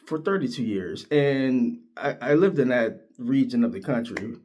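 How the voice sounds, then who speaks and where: A man's voice: a little slow, slight background noise. A middle-aged man from Northeast Ohio giving casual, opinionated sports commentary, his voice leaping up when he gets worked up. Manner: animated, opinionated, pitch jumps high when worked up.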